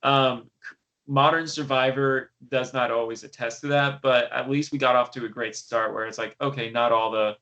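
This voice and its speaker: A man's voice: mid-range voice, fairly even intonation, normal speed, bright, forceful tone, lo-fi sound. A young man co-hosting a podcast, chatting casually about a TV show with lots of fillers and restarts. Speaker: podcast co-host. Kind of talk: casual chat.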